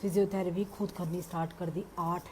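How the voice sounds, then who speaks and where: A middle-aged woman shares a personal spiritual testimony in animated storytelling, slipping English phrases into her talk. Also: lowish voice, brisk, slight background noise. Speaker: devotee sharing a testimony.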